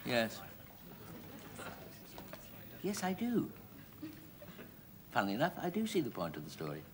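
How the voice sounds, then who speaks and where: Fussed middle-aged son, wry, voice all over the place, loud noise behind. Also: male voice, on the high side, very animated, fairly quick. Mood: flustered. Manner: flustered, wry. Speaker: grown son in a sitcom.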